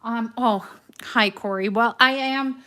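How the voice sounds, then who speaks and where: A middle-aged woman from the Netherlands with a Dutch accent hosts a live craft tutorial, musing along slowly with viewers and saying "um" a lot. Her voice runs on the high side, pushed and bright yet smooth.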